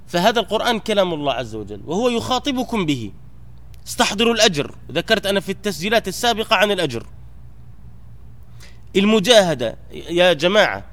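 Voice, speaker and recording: A man's voice: high voice, fairly bright tone. A man, a teacher giving an earnest exhortation to students of a Quran memorization program. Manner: earnest, exhorting, rising emphatically at key points.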